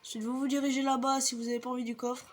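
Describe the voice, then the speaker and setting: A woman's voice: high voice, flat delivery, rapid-fire, slight background noise. A young woman casually commenting on her gameplay, chatty and explaining each step to viewers with the odd light swear. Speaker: gaming video creator.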